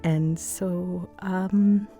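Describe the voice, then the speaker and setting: Very slow and lowish in pitch, this woman chats over faint music while answering questions from her audience as a voice actress and host. Her animated, storyteller-style rambling is bouncy and dramatic, laced with giggles and jokes at her own expense.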